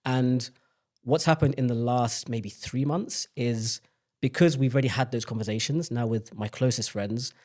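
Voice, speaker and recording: A young man from the UK with a medium-pitched, slightly mellow voice talks at normal speed on a podcast. He's a guest recounting personal stories with openness and reflection, frequently restarting, in candid conversation.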